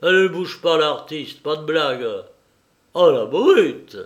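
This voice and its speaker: A man voicing a commanding, sardonic gentleman burglar in an audiobook reading, brisk and bossy with his accomplices. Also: on the high side, expressive.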